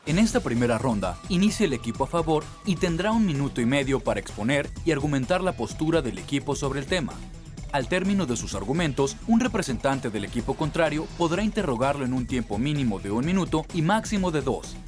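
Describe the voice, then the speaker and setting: A male announcer reads a scripted explanation of a debate's rules. His intonation is lively and varied, and clear music plays underneath him. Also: medium pitch, a little fast. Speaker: voice-over announcer. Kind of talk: scripted narration.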